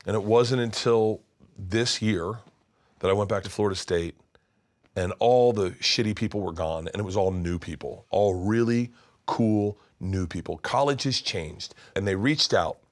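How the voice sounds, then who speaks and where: Brief: man in his fifties, lowish voice, lively storyteller who drops to a hush when quoting people. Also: normal speed. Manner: animated, swings from loud to hushed when quoting people. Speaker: interview guest, comedian. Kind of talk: candid storytelling in conversation. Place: his studio.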